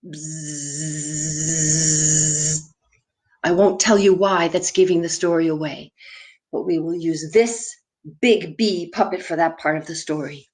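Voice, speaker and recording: Presenting for children, a storyteller and theatre performer explains puppets and props simply and quizzes her young audience. She speaks at a normal speed in a fairly low voice with a darkish tone.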